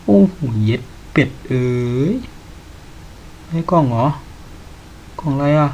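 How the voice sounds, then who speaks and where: A man playing a horror game, swearing a lot and yelping when startled, sometimes reading game text aloud slowly. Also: fairly high pitch, animated, darkish tone, dull audio, slight background noise. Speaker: gamer.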